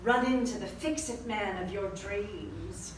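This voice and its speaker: A woman's voice: mid-range voice, slow pace, slight background noise, natural voice. Woman playing an old widow, teasing, stubborn, stage play, echoey hall, from far away. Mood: wry. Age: older. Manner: dry, teasing and wistful. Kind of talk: community stage play acting.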